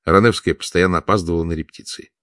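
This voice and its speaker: A man narrating a string of anecdotes in a measured, wry storytelling manner. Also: sits low, steady tone, a bit bright, no room sound, clean studio sound.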